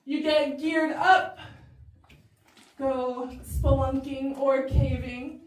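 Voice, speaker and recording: Deep in an echoing underground cave with hard rock walls, a female tour guide speaks to her group very slowly. Her voice sits high with fairly even intonation. The distant microphone captures heavy reverberation and a little faint noise.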